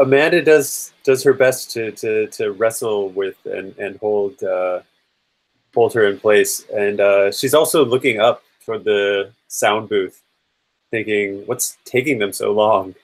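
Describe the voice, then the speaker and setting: A man playing a tabletop game, describing his character's actions in a halting way. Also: on the low side. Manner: halting, restarts often. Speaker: player. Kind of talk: casual tabletop play.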